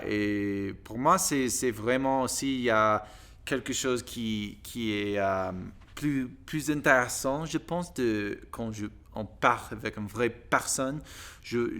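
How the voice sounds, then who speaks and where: A man from the United States with an American accent, a native English speaker, talking casually as a learner in halting, broken French with searching pauses and grammar slips. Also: medium pitch, pushed and bright, clean tone. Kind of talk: casual monologue to camera in a second language.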